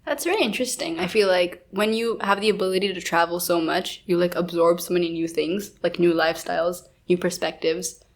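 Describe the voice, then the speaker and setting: A woman's voice: lowish voice, brisk. Chatty young woman from India. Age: young adult. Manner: chatty, lots of "like" and "I feel like". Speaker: podcast co-host. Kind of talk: casual podcast chat.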